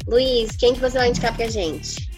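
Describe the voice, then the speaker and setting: A woman's voice: a little high, steady tone, normal speed, over music. A Brazilian woman chatting casually on a podcast panel, slangy and enthusiastic. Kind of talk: casual chat.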